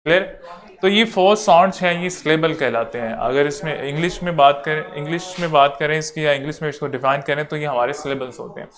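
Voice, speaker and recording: Pakistani guy teaching english online, kinda high voice, goes over stuff twice and keeps asking if u got it. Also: a bit bright. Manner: explains slowly, repeats points, checks understanding with students. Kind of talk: online exam-prep lecture.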